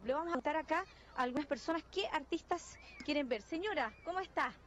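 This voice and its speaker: A woman, reporting live from a sunny beach into a handheld mic, brisk and upbeat. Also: high-pitched, animated. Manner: brisk, upbeat, many questions. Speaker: field reporter. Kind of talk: live on-location news report. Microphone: handheld microphone.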